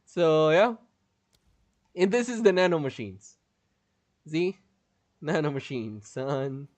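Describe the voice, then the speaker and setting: During a live game stream, a man whose voice sits on the high side speaks at a slow pace with a darkish tone. He chats casually, often laughing while he breaks down his build. A strained voice and a stifled cough come through as he talks.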